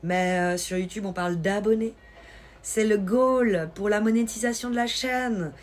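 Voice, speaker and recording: A woman from Switzerland with a light Swiss French accent, hosting a live stream and chatting casually with viewers in a teasing, quick-witted way. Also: medium pitch. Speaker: livestream host. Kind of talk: casual live-stream chat reading comments.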